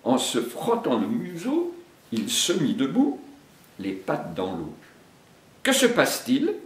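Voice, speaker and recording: Un homme qui lit à voix haute une histoire pour enfants, lentement et avec expression. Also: male voice, medium pitch. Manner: slow, expressive storybook reading. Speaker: storyteller for children. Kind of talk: reading a children's story aloud. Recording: echoey room.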